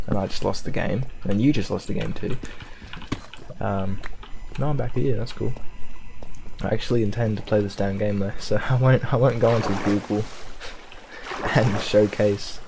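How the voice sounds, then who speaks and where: A rambling young Australian man chats loosely over a game stream, cursing as he goes. His voice sits fairly low. A steady hiss of noise runs under the recording. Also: creaky. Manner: rambling, swears freely. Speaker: live streamer. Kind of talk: casual gaming stream commentary. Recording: noisy background hiss.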